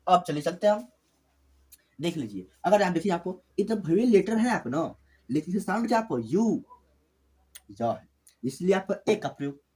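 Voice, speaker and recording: A man tutoring English grammar, his voice lively and swinging up and down as he stresses each example. His pitch sits a little high for a man. He repeats key words and talks to viewers as his friends. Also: normal speed, pauses often. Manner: repetitive, addresses viewers as friends. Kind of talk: classroom grammar lesson.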